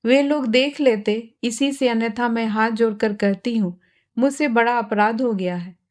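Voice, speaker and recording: A woman reading aloud, voicing a sharp-tongued young woman who taunts and then pleads. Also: a little high, a little slow, lightly acted. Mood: pleading. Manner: sarcastic, taunting. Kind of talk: storybook reading.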